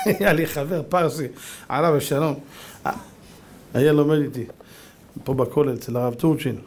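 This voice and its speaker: A rabbi delivers a Torah lecture in a high, very animated voice that leaps up and down. He tells stories like a performer and keeps hitting the listener with mocking rhetorical questions. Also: pauses often, slightly rough.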